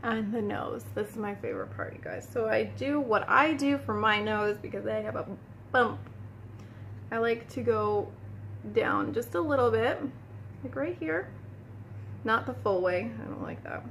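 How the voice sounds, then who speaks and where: Sniffling from a cold room, a woman gives a chatty at-home makeup tutorial, addressing "you guys" as she puts on her products. Her voice is on the high side, very animated, slightly bright, and a little slow, with a bit of hiss or hum as this beauty vlogger talks.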